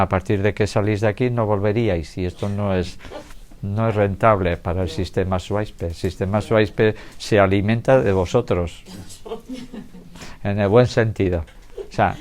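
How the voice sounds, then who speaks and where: Guy with a lowish voice giving a health talk to a room, easygoing, keeps tossing in questions to the crowd. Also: a little mellow. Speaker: doctor giving a public lecture. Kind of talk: health lecture to a live audience. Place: health centre lecture room.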